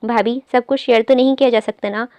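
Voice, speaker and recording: A woman's voice: fairly high pitch, steady tone, fairly quick, darkish tone, clean tone, dry recording, highs cut off, close to an everyday voice. A woman reading the lines of a tearful young bride who holds back her secrets.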